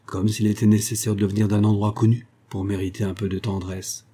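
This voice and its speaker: A man reading a classic story aloud as audiobook narrator, measured and expressive. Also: lowish voice, breathy edge.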